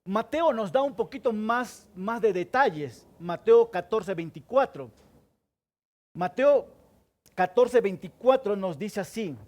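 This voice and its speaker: Pastor preaching with dramatic swings. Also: male voice, expressive, slow pace. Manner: asks the congregation questions and answers them himself; swings between loud stresses and hushed low asides. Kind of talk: sermon.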